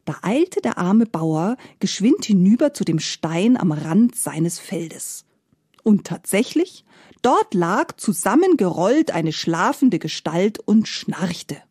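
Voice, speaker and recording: Husky, expressive woman storyteller. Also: medium pitch, slow, no room sound, clean studio sound. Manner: expressive, drops to soft whispered phrases. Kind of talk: scripted fairy-tale narration.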